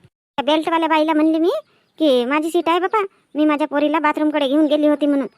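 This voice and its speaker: A woman playing a sharp-tongued village woman who quarrels and talks back fast in a comedy sketch. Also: sits high, steady tone, dry recording, clean studio sound, lightly acted. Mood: quarrelling. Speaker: sketch actress.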